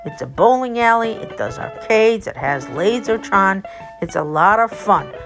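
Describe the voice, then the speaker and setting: A woman's voice: mid-range voice, lively intonation, a little slow. A woman narrating a casual vlog tour as host, in a chatty, enthusiastic way. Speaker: video host and local tour guide. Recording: background music under the voice. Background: music.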